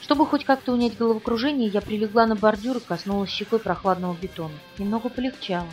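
A woman narrating an audiobook in the first person, in a restrained, quiet way. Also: medium pitch, fast. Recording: distant, muffled, soft music.

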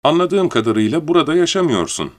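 A man's voice: fairly high pitch, sing-song, fast talker, pitched above the performer's own voice. A man voicing a wise, wary wild fox who explains things patiently and matter-of-factly.

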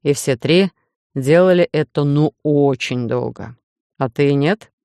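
A woman voicing a bossy, jealous young man in a romance audiobook, gruff and grumbling. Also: sits low, measured pace, mellow, no echo, clean studio sound.

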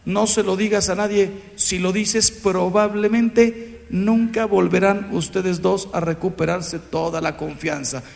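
A Mexican priest in his fifties giving a lively, humorous talk with a Mexican Spanish accent, acting out the voices he quotes. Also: high voice, measured pace, gravelly, in a large hall. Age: 50s.

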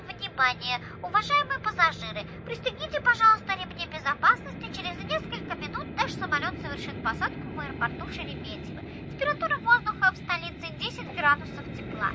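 A woman voicing an adult female flight attendant making a formal, measured cabin announcement heard over an airplane PA loudspeaker, in a cartoon. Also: extremely high pitch, muffled recording, background noise. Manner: measured, official.

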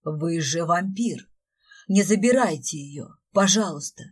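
A woman's voice: on the low side, animated, unhurried, husky. Frightened pleading father, read by a woman. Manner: fearful, begging.

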